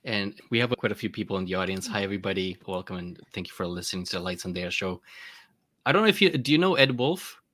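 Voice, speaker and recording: A man with a very low voice and a bright, forceful tone hosts a panel over a video call. The sound is dry and close. He encourages his guests and laughs often, and he restarts his sentences as he goes. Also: expressive, fast, no room sound. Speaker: show host. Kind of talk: hosting a panel discussion.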